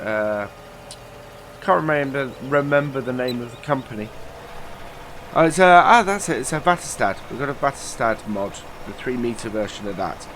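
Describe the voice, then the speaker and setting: Here a gaming channel host talks casually through a let's-play, sounding nasal and stuffed up with a cold. He rambles chattily and drops in lots of "uh" fillers. The mid-range voice is a bit bright, with slight background noise behind it.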